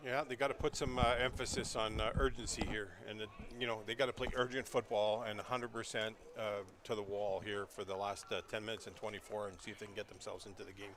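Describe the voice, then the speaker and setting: A man's voice: on the low side, flat delivery, quick pace, few pauses, noisy background. A man giving live color commentary from a stadium booth, opinionated and loose, with lots of fillers. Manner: chatty, opinionated, full of fillers. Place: press booth at an outdoor stadium.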